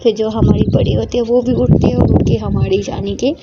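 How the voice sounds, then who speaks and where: A woman's voice: on the high side, steady tone, fairly quick. A woman narrating a romantic story in an easy, conversational way. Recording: dull lo-fi with faint hiss.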